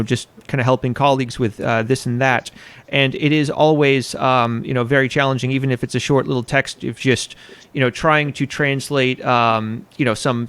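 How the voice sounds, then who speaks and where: A man's voice: medium pitch, a bit bright. An American man hosting an interview, asking long questions full of hesitations and restarts. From United States. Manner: hesitant, many fillers and restarts. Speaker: interviewer, podcast host.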